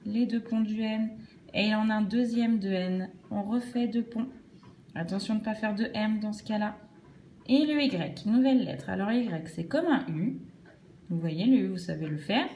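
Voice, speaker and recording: A woman teacher walks young children through cursive handwriting, one stroke at a time. Her voice is mellow and unhurried, with a patient, instructive manner. A faint hiss sits under the recording. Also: medium pitch. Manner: slow, patient step-by-step explaining.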